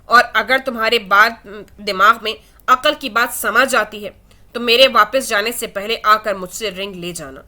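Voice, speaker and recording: A woman's voice: a little high, bright, forceful tone. A woman voicing Hadid, a stern young male officer who speaks harshly and sarcastically, in a read-aloud novel. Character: stern angry young man, air force officer.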